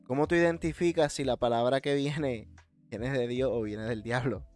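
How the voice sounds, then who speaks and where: A man's voice: mid-range voice, steady tone, moderate pace, darkish tone, faint music behind. A man co-hosting a podcast, chatting about faith and often checking in with his partner. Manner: conversational, checks in with listeners. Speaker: podcast co-host. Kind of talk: casual faith talk.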